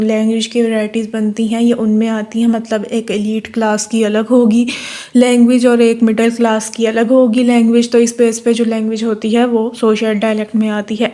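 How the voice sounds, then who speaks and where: A woman tutor from Pakistan talks through exam notes in a steady, flat tone. Her voice sits a little high. She reads English lines slowly, then explains them.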